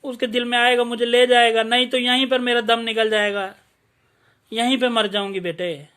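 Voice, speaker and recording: A man's voice: very high-pitched, moderate pace, a bit bright. Man voicing a pleading elderly mother. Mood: quiet, pleading. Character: elderly mother, pleading, devoted to her son.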